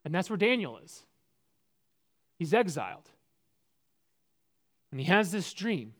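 A man's voice: high voice, very animated, measured pace, a bit bright. A man preaching a sermon in a conversational way, posing rhetorical questions and often restarting his words. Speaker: pastor.

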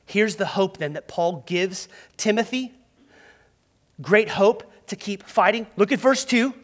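A young man preaching a lively sermon as pastor, leading his congregation in call-and-response. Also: sits high, measured pace, in a large hall. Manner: storytelling with boxing imagery.

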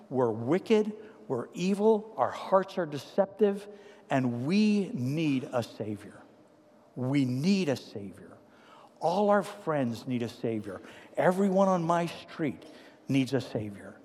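A man in his sixties preaching a sermon as pastor, telling stories emphatically and swinging between loud declarations and hushed asides. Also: fairly high pitch, sing-song, takes it slowly. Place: church sanctuary. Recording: reverberant church hall.

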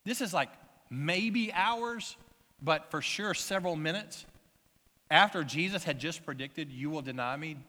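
A man's voice: on the high side, expressive, measured pace, bright, forceful tone, big-room sound. A man preaching a sermon as pastor, telling the story in a conversational way and asking his listeners questions.

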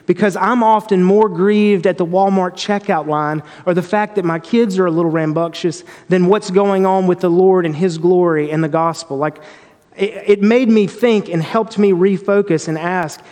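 A man with a high voice gives a devotional Bible teaching in an earnest, reflective way. He often restarts his phrases. A long reverb trails after his voice. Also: steady tone, moderate pace, darkish tone.

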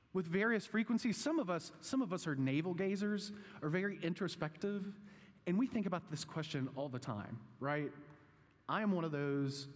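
Higher-voiced man preaching in a reverberant hall. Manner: measured, deliberate phrasing with frequent pauses and questions to the listeners. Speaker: pastor preaching to a congregation. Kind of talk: sermon, conversational teaching. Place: large reverberant room, preaching live.

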